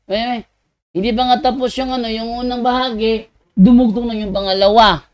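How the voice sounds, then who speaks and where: A man's voice: extremely high pitch, level tone, brisk, dry recording. A man, a priest, answering viewers' questions on a live show, reading their messages aloud and then explaining in plain terms.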